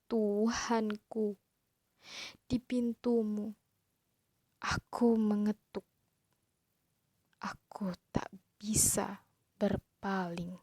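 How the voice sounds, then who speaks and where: A woman teacher reciting a poem dramatically for her pupils, drawn out, with hushed whispered lines. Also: mid-range voice, little pitch movement, extremely slow, pauses often, dry recording. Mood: solemn.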